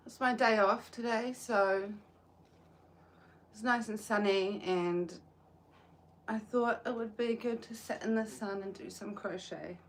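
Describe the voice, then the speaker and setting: Sitting out in the sun, a young woman with a New Zealand accent talks through her crochet livestream in a soft, hesitant way, with frequent "um"s. Her voice is mid-range, a little slow, and fairly even in intonation.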